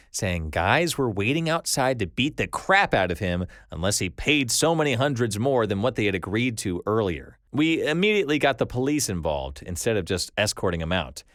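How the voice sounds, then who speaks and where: A man's voice: medium pitch, a bit bright, dry recording, clean studio sound. A man narrating reader-submitted stories as a scripted read-aloud for his story channel.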